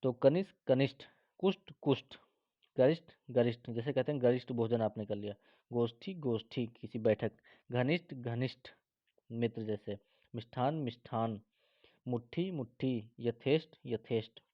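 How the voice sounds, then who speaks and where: A man's voice: medium pitch, moderate pace, no room sound, highs cut off. A man teaching a spelling lesson for exam students, reading each word aloud twice and checking in with the class again and again. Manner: reads word pairs aloud, repeats each, adds "ठीक है?".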